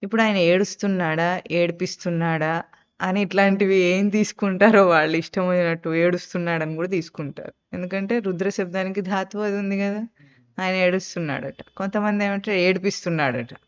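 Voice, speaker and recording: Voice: medium pitch, steady tone, a little fast, smooth. A spiritual teacher giving a live scripture discourse. The teacher poses rhetorical questions, answers them, and explains Sanskrit terms. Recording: dull lo-fi recording.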